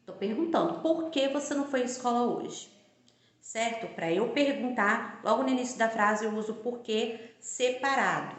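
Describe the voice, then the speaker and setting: A woman's voice: a little high, lively intonation, moderate pace, roomy sound. A woman teaching grammar, explaining patiently and repeating example sentences, often checking in with the listener. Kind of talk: classroom-style grammar lesson.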